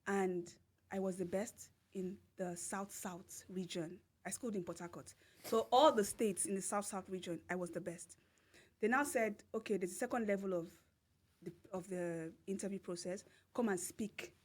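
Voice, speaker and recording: At a moderate pace and medium pitch, a woman with a Nigerian accent tells a personal story as a podcast guest. The casual interview is full of emphatic repetition and her laughter.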